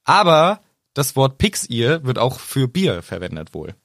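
A man's voice: medium pitch, big pitch swings, fairly bright tone, dry recording. Man, podcast co-host, casual chat, retelling scenes, dry sound. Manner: chatty, retells scenes with quick asides. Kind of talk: casual chat recapping a book.

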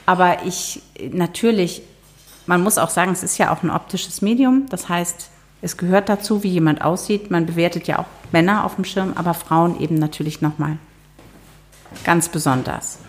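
Middle-aged woman author, a bit low-pitched, calm and wry, reading aloud and being interviewed. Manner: measured, lightly humorous, some hesitations. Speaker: author and TV journalist. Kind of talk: reading her novel, then casual interview talk.

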